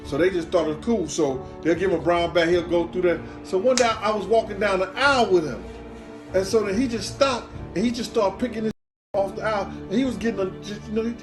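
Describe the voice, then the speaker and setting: Male guest, high-pitched, slangy, amused anecdote. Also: a little fast, over music. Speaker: guest telling a story. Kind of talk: casual storytelling.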